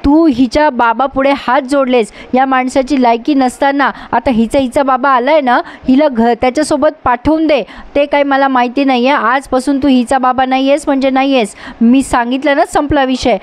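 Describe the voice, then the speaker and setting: A woman's voice: sits high, steady tone, moderate pace, lightly acted. A woman voicing a spoiled, jealous young daughter who whines and scolds insistently. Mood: angry.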